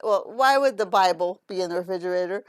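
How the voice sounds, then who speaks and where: A woman giving a children's Bible lesson with a puppet, explaining things in a patient, gentle way. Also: lowish voice, fast, clear, resonant tone, no echo.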